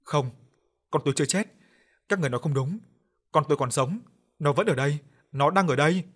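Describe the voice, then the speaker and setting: A man's voice: fairly high pitch, a little fast, slightly rough. A man doing a sobbing, grieving mother. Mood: desperate grief. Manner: desperate, pleading. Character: grief-stricken mother wailing over her dead son.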